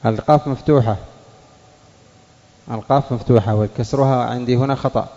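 A man teaching a classroom lesson on word forms, sounding out each example slowly and quizzing students by name. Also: mid-range voice, fairly even intonation, warm tone. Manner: drills words by saying the base form then the changed form, questions students by name. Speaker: teacher of Arabic morphology and Quran reading. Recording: dull lo-fi classroom recording with long reverb.

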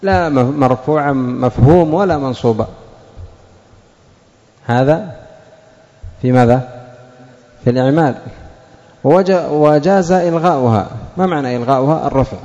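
Male grammar teacher, mellow voice, quizzes the class, dull echoey room sound. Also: medium pitch. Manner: questioning students, repeating examples slowly.

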